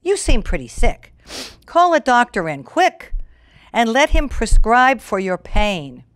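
A woman's voice: on the high side, very animated, slow pace, a bit bright, no room sound, pitched above the performer's own voice, exaggerated voice. A woman reading as a mocking boastful hare. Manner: scornful, teasing.

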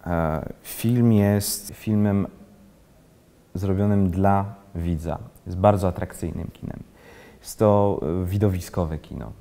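Low gravelly-voiced man, halting speech. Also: dark tone, long reverb tail. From Switzerland. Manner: halting, searching for words, many restarts. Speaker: actor, guest. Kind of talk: casual interview talk. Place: indoor library room with bookshelves, seated in armchair.

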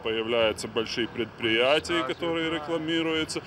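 A man's voice: fairly high pitch, moderate pace. A middle-aged man giving a spontaneous interview outdoors as a commentator. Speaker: political scientist, interviewee. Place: busy city square outdoors. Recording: noisy street ambience.

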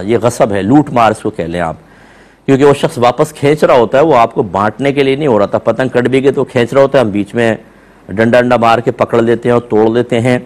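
इस्लामी आलिम, गला खराब, मध्यम आवाज़ में समझाते हुए. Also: male voice, medium pitch. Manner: earnest explanatory tone, voice jumps up when quoting people. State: sore throat. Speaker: Islamic scholar answering questions. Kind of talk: religious Q&A talk.

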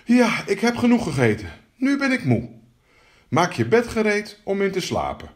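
A man's voice: high-pitched, huge pitch swings, normal speed, pitched above the performer's own voice, exaggerated voice. A man voicing a small, persistent male frog in a storybook fairy tale, who keeps pleading. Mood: squeaky pleading. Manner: insistent, repeats his calls.

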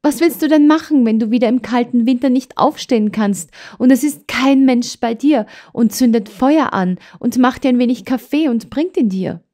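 A woman's voice: fairly high pitch, moderate pace, hardly any pauses, pitched above the performer's own voice, natural voice. A woman voicing a hot-tempered, stubborn young girl in an audiobook, talking in eager, pleading outbursts. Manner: excited, pleading, tearful outbursts. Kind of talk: audiobook character voice.

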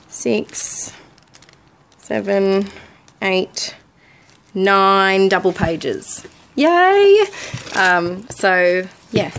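An Australian woman chatting casually in a craft haul video, enthusiastic and full of ums as she shows her purchases. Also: medium pitch. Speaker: craft vlogger.

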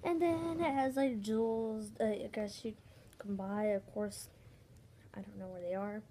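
A young girl, the host's friend, showing her purchases in a casual bedroom video, halting and repeating words as she talks. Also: mid-range voice, steady tone, warm tone, a little hiss or hum. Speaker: guest friend. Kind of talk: casual haul video chat. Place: small bedroom indoors. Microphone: phone camera held nearby.

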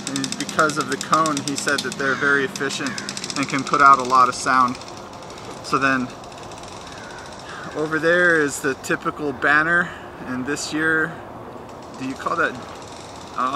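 A man narrating a casual vlog while walking around a rainy race course, chatty and joking, filmed on a handheld camera mic. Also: mid-range voice. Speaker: filmmaker documenting a race. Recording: noisy outdoor ambience with traffic.

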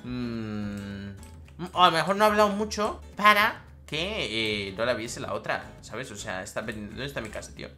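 A young woman chatters through her gameplay commentary, often repeating her words. Her pitch swoops widely and her tone is bright and sharp. Faint game music plays underneath. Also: expressive, moderate pace. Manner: chatty, repeats phrases, bursts into squeals and laughs. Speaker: gaming YouTuber.

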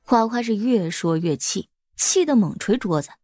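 A woman narrating an audio drama in a lively, expressive storytelling manner. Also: medium pitch, normal speed, dry recording, studio quality.

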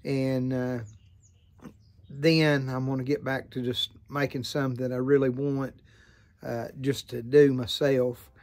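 A middle-aged man with an American Southern accent chats casually to camera outdoors. His pitch is average for a man. He rambles in a folksy, unhurried way, like a hobbyist vlogger catching viewers up. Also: flat delivery, a little mellow. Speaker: vlogger and hobby pipe maker. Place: outdoors by a farm field.

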